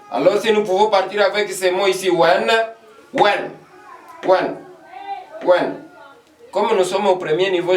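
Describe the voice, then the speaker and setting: Male teacher, high-ish voice, far from the mic in a roomy space, patient and repetitive. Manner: patient, repeats phrases many times, checks understanding. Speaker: English teacher. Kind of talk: classroom lesson explaining English in French. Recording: echoey room, voice from a distance.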